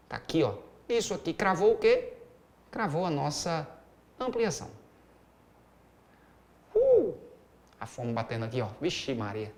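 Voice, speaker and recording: A male writing teacher, walking students through an essay in a live class with playful asides and exclamations. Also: a little high.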